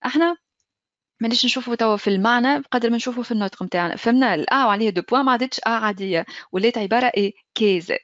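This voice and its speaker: A woman's voice: a little high, very fast, a bit bright, no echo, muffled recording. A woman with a Tunisian accent teaching German pronunciation in an online lesson, often checking in with her students.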